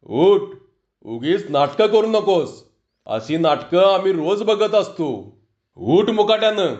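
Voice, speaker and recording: A harsh, bullying police officer barks threats in coarse village speech, as a male storyteller puts him on. The voice sits a little high and pushes forward. It comes through a dull, muffled recording. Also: big pitch swings, a little slow. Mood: harsh scolding. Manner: harsh, scolding, rustic speech.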